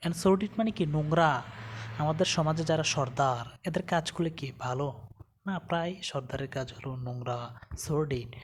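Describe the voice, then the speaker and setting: A woman's voice: sits low, moderate pace, a little hiss or hum. A woman teaching a vocabulary lesson, asking questions and answering them herself. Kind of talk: vocabulary lesson with memory tricks.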